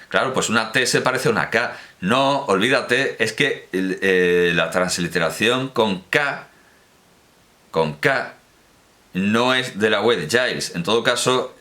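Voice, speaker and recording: A man's voice: medium pitch, bright, forceful tone. Rambling man. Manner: rambling, self-correcting, with many fillers and restarts. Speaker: podcast host. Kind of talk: unscripted spoken analysis.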